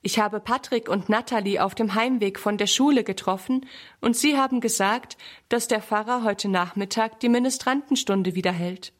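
Lisa, a woman reading a lively schoolgirl. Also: medium pitch, moderate pace, lightly acted. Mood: informative.

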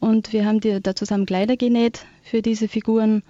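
A woman chatting and then reading a Christmas story aloud in a gentle, warm way. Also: a little high, little pitch movement, fairly quick, no echo. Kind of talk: conversational chat, then read-aloud storytelling. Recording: dull lo-fi dry sound.

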